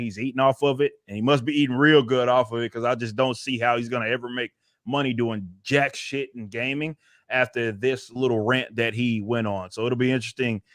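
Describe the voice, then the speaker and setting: A man's voice: medium pitch, fairly bright tone, no echo, studio quality. A man on an online panel, rambling bluntly and swearing as he vents. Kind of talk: casual panel chat.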